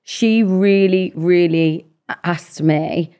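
A woman's voice: lowish voice, drawn-out words, warm tone. A woman speaking as a podcast guest in casual, candid personal chat, slangy and repeating phrases for emphasis.

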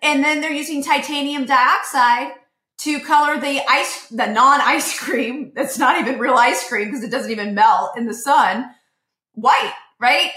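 A woman's voice: fairly high pitch, pushed and bright, echoey room. A woman in her thirties, a podcast guest telling a family story in casual chat and acting out the dialogue she quotes.

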